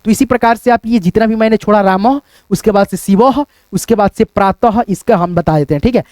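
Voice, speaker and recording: A man teaching a whiteboard lesson, spelling out letters slowly and checking in with listeners, sweating as he works. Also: sits high, darkish tone, no echo. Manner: repeats "friends" and tag questions, spells out letters slowly.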